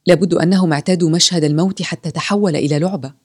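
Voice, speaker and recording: A woman narrating a story in a slow, solemn, measured reading. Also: fairly low pitch, fairly even intonation, darkish tone, slightly rough.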